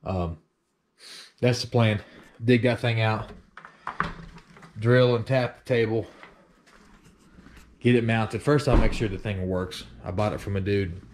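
A man's voice: fairly low pitch, steady tone, a little slow, long pauses, background noise. A man casually talking through a job in his woodworking shop, thinking aloud with fillers and the odd curse. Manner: plainspoken, thinks aloud with fillers and mild cursing. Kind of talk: casual workshop vlog narration.

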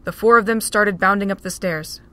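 A woman's voice: mid-range voice, moderate pace, pushed and bright. Woman narrating a fan audio drama.

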